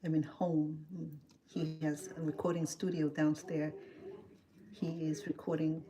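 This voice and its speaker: There's a crowd in the background as this Cambodian-accented, middle-aged woman from Cambodia chats through her livestream while cooking in her home kitchen. Her low voice comes across unhurried and flat, though she's chatty, answering comments and often laughing.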